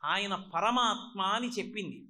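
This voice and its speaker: Older man, Telugu accent, high voice, devotional discourse, chants verses slowly. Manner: animated storytelling, slowing to intone verses. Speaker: religious discourse speaker.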